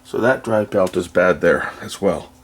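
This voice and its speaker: A low-pitched man, speaking a little slowly, gives off-the-cuff commentary while doing repairs on video. He often trails off or second-guesses himself, and the recording carries clear background noise and room ambience.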